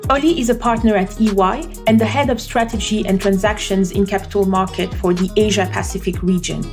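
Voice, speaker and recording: A woman's voice: mid-range voice, fairly even intonation, brisk, a little mellow. Woman podcast host over faint music. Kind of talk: scripted intro and interview questions. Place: London.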